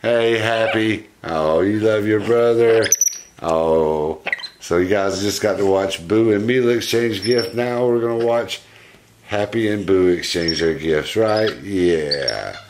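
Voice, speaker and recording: A man's voice: on the low side, takes it slowly, noisy background. A man hosting a casual home video, coaxing and doting on his pet monkeys.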